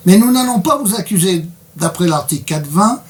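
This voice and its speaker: A man's voice: high voice, animated, brisk, pitched above the performer's own voice. A man reading as a stern female judge. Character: stern condescending middle-aged female district judge.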